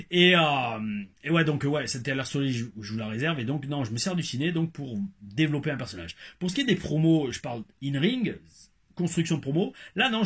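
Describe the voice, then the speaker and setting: A man reviewing wrestling in a casual vlog, a former wrestler talking in an animated, digressive way with emphatic asides. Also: mid-range voice, slightly rough.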